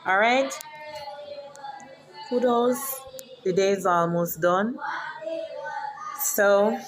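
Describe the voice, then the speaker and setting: A woman's voice: medium pitch, very slow, a crowd in the background. A woman from Jamaica with a Jamaican accent, a teacher and author talking casually to camera and explaining words like a lesson. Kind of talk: casual vlog.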